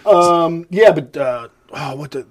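A man in a casual podcast chat, talking in a relaxed, drawn-out, joking way. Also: on the high side.

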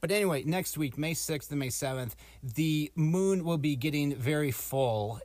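A man's voice: mid-range voice, darkish tone, no room sound. A man co-hosting a podcast in casual, informal chat, musing and rambling as he goes, recorded in a small closet. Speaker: podcast co-host giving astrology forecasts. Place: small closet at home, door slightly open.

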